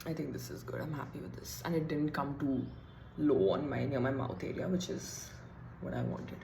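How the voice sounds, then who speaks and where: Low-voiced woman chatting in echoey room. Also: animated, moderate pace, creaky, background noise. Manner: chatty, thinking aloud, self-deprecating. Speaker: beauty vlogger. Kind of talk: casual get-ready-with-me chat.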